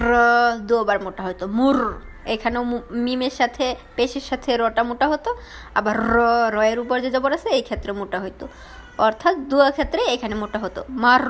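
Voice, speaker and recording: Patient woman teaching recitation sounds. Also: fairly high pitch. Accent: Bangladeshi Bengali. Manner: patient, repeats sounds slowly to demonstrate. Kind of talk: explaining pronunciation rules step by step.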